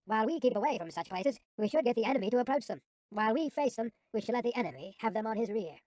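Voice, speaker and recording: Quick, squeaky chipmunk audiobook narrator. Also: expressive, darkish tone, dry recording. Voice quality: sped-up chipmunk helium voice.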